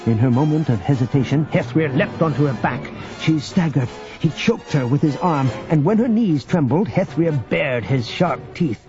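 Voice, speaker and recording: A man narrating an audiobook in scripted narration, with even, measured storytelling. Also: fairly high pitch. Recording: dull audio with faint background music.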